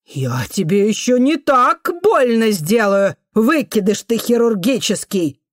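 A woman's voice: a little high, expressive, unhurried, dry recording, studio quality, voice pushed up. A woman voicing a vicious, foul-mouthed old female caretaker who snarls and shrieks abuse. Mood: furious.

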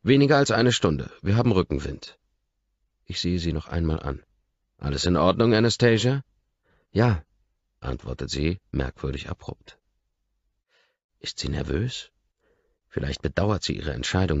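A man narrating an audiobook in the first person, in a calm, measured reading that drops to a murmur. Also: rumbling low, gravelly, no echo, highs cut off.

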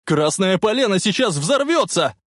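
A man voicing an excitable young man who shouts urgently and frantically to his friend. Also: fairly high pitch, moderate pace, no echo, clean studio sound. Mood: frantic yelling.

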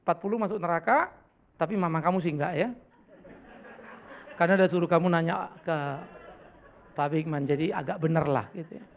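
Lively high-voiced preacher, gravelly and tinny. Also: male voice. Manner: animated, joking, rhetorical questions. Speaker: pastor. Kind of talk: conversational sermon with Q&A. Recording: tinny lo-fi recording.

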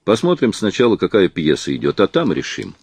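A man's voice: deep voice, huge pitch swings, a little fast, darkish tone, husky, no room sound, exaggerated voice. A man reading a genial middle-aged investigator. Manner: good-natured, joking, friendly.

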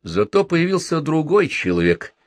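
A man's voice: on the high side, sing-song, moderate pace, no echo. A man reading a novel aloud as narrator, wry and ironic. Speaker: audiobook narrator. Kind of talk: literary audiobook reading.

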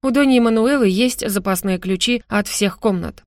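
Woman doing a shrill, furious young woman. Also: normal speed, a little mellow, dry recording, studio quality, lightly acted. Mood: ranting. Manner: shrill, scolding, heated. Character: young woman student, fiery and indignant.

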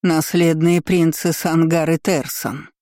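An imperious, scheming empress of middle years who sneers and barks orders at her servants, as a male narrator puts her on. The tone is mellow and the sound dry and close. Heard in an audiobook reading. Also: on the high side, flat delivery, takes it slowly, no room sound. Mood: commanding. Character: spiteful scheming middle-aged empress, woman.

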